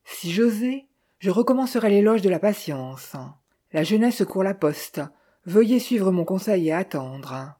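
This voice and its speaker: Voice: medium pitch, lively intonation, measured pace, warm tone. A reader voicing a patient, courteous middle-aged detective in an audiobook, speaking with formal, ornate politeness.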